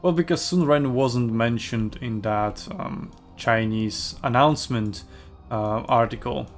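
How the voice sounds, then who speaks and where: A man's voice: medium pitch, a little slow, soft background music. A man hosting a gaming video, giving casual gameplay commentary in a rambling, chatty way with fillers and self-corrections.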